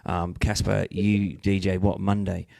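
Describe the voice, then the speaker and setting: A low, gravelly man's voice, dark and mellow, recorded dry and close. He co-hosts a casual interview show, chatty, swearing freely and laughing often. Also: level tone, a little slow, no room sound. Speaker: podcast co-host. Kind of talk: casual chat.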